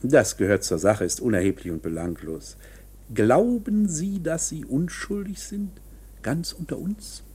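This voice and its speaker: In a German radio play, an actor with a medium-pitched, warm, slightly rough male voice plays a knowing court insider. He explains things coolly and matter-of-factly in a measured, insinuating, officious way, with a probing, sly mood.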